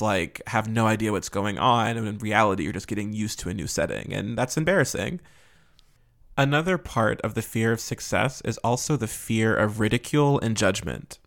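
A man's voice: lowish voice, fairly bright tone. A man hosting a solo podcast in a casual, chatty way, sassy and candid with slangy, sweary phrasing. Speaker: podcast host.

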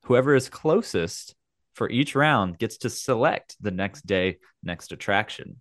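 A man hosting a casual game, explaining the rules in a playful, theatrical way with dramatic pauses. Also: fairly low pitch, expressive, a bit bright, no echo, clean studio sound. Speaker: game show host.

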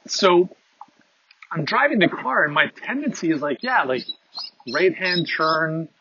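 A man's voice: a little high, expressive, measured pace, pushed and bright. A man hosting a podcast, talking casually and rambling with lots of fillers while out on a walk. His voice sounds tinny, like it's in a tin can, recorded through earbuds on a phone. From Canada. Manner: rambling, filler-heavy, conversational. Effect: tinny, tin-can sound from earbud mic. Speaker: podcast host. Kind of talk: casual monologue while walking. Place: outdoors on a walk, windy. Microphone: phone with wireless earbuds. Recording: tinny muffled earbud mic, faint wind.

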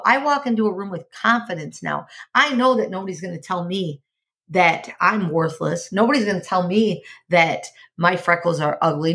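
A woman's voice: mid-range voice, a bit bright. Earnest middle-aged woman giving life advice. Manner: earnest, repetitive, restarts mid-sentence. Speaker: podcast host. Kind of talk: personal advice monologue.

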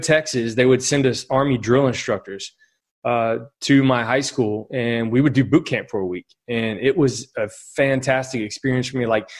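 A middle-aged man, a podcast guest, telling rambling anecdotes with frequent chuckles. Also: mid-range voice. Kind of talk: casual storytelling.

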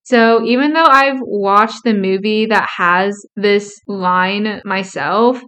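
A woman's voice: medium pitch, takes it slowly, fairly bright tone, clean tone. A young woman co-hosting a podcast, earnestly explaining psychology concepts with a touch of dry sarcasm. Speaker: podcast co-host.

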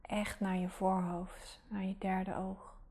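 A woman leads a guided healing meditation with a dark, relaxed voice. She speaks softly, often slipping into a breathy whisper, very close to the ear. Her manner is soothing and gently instructing. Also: medium pitch, slow pace.

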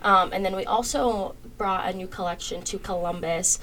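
A woman's voice: mid-range voice, moderate pace, slight background noise, low-quality recording. A woman guest on a podcast, chatting casually about new home communities, with frequent ums as she lists details. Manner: relaxed, frequent ums while listing details. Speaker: home builder sales guest.

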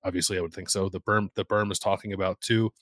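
A man's voice: low voice, level tone, fast, a bit bright, dry recording. A man co-hosting a sports podcast, easygoing and hedging with 'like' as he breaks down plays. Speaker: podcast co-host. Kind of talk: casual sports podcast analysis.

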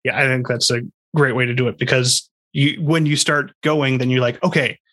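Relaxed male podcast host. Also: mid-range voice, moderate pace. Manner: relaxed, conversational, shares personal anecdotes. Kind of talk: casual interview chat and podcast outro.

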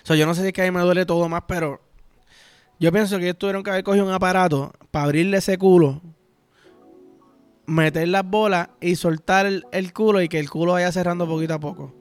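A high-pitched man with a Puerto Rican accent hosts a podcast. He delivers a crude, rambling, profane comic monologue over faint background music. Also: steady tone, a little fast, clear, resonant tone, no echo. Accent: Puerto Rican Spanish. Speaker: podcast host. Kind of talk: casual comedic podcast monologue.

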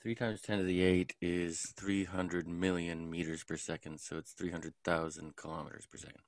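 A physicist co-host chats easily and jokes while answering science questions. His voice is very low and gravelly with lots of fry. The sound is close and dry. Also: level tone, moderate pace, dry recording. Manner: easygoing, jokey, confident with science answers. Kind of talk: casual chat among friends.

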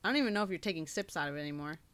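A young woman co-hosts a casual podcast, teasing and joking with her partner. Her voice sits a little low for a woman. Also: animated, rapid-fire, a bit bright, no room sound. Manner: teasing, playful. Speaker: podcast co-host. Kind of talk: casual chat.

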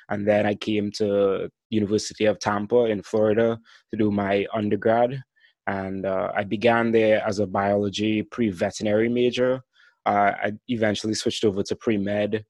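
Speaking on his solo podcast, a man in his twenties from Trinidad and Tobago reflects earnestly on his career path, partly reading from a script. The voice is low-leaning and slightly mellow, captured with no echo.

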